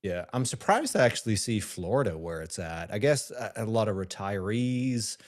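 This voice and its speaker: A man's voice: fairly low pitch, animated, normal speed. A man from Scotland co-hosting a podcast, asking questions in a casual, self-deprecating way. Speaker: podcast co-host. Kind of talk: casual chat.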